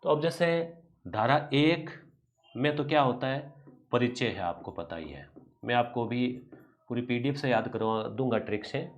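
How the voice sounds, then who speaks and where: A male coaching teacher, speaking at an ordinary middle pitch. He talks chatty and informal, and often repeats short rhyming memory tricks to drive a point home. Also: expressive, a little slow. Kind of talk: exam coaching lecture.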